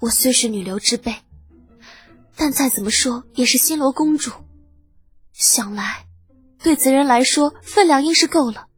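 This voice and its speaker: A man's voice: very high-pitched, normal speed, long pauses, breathy edge, no room sound, soft background music, voice pushed up, full character voice. A man voicing a resolute, proud young princess in a spoken storybook.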